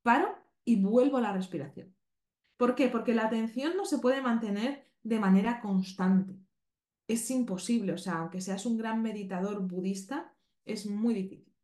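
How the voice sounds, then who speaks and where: A woman's voice: fairly high pitch, moderate pace, darkish tone. A woman with a Spanish accent from Spain, teaching a podcast lesson in an explanatory way and checking in with listeners often. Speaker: animal communication teacher. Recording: roomy echo.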